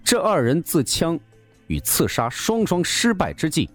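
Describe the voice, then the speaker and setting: A man's voice: fairly high pitch, sing-song, a little slow, faint music behind. A man narrating a martial-arts novel in a theatrical, suspenseful storytelling style. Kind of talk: dramatic audiobook narration.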